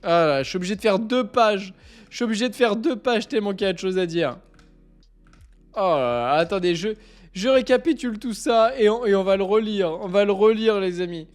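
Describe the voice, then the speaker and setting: A man chatting on a live stream, excitable, stammering and repeating himself as he keeps breaking into laughter. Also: sits high, a little fast. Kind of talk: casual live-stream chat.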